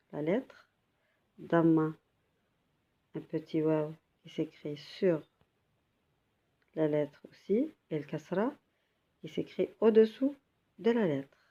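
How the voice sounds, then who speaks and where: A woman teacher giving a beginner lesson at a very unhurried pace. Her voice is mellow and slightly low, and she repeats each syllable patiently. The recording sounds dull and lo-fi. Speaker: Arabic teacher. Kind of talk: slow beginner language lesson.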